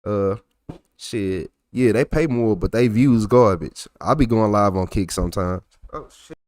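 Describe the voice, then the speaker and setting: A man's voice: lowish voice, a little slow, darkish tone, no room sound. A young man with a thick Texas accent, chatting loosely on a livestream and reacting to messages from his chat. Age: young adult. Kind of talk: casual livestream chat reading comments.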